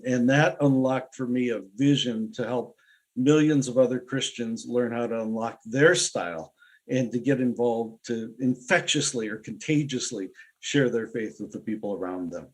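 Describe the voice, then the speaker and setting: An earnest male author talking as an interview guest, telling personal stories in a relaxed way and laughing easily. His pitch sits in a middle range. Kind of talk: casual interview talk.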